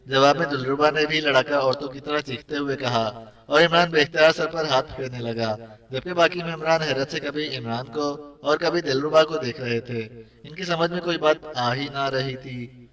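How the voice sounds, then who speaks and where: A man narrating a spy novel in a steady, measured reading. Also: a little high, distant mic. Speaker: audiobook narrator.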